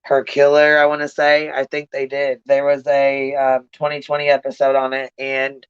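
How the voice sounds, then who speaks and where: A livestream host gives casual commentary to viewers, blunt and slangy with lots of swearing, repeating points to hammer them home. The clean, smooth voice is monotone, medium-pitched and moderately paced, in a dry, somewhat dull recording.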